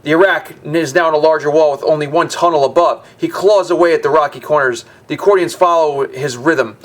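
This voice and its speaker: Guy reading game lore out loud w/ wry little asides, voice on the higher side. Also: a little fast. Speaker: gaming video host.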